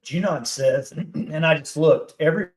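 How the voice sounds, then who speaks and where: A man's voice: on the high side, moderate pace, rough recording. A man chatting casually over a remote call whose audio breaks up and cuts out. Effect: remote call audio breaking up and cutting out. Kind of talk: casual chat.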